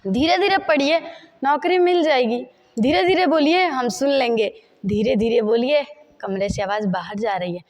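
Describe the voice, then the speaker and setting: High-voiced woman teaching English slowly. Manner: repeats phrases slowly while writing examples. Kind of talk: spoken English lesson explained in Hindi.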